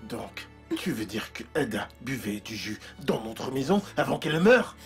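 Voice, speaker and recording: A man's voice: medium pitch, very animated, moderate pace, faint music behind. An actor playing an anxious husband in a dubbed drama, soothing his wife while urgently pressing her to keep a secret. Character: anxious husband hiding something.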